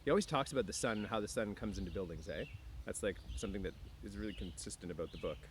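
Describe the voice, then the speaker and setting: Rapid-fire and fairly low-pitched, a man in an easygoing teacher's manner reads aloud to students and chats with them casually. They're outdoors by the woods, background noise from outside is clear in the recording, and he keeps clearing his throat.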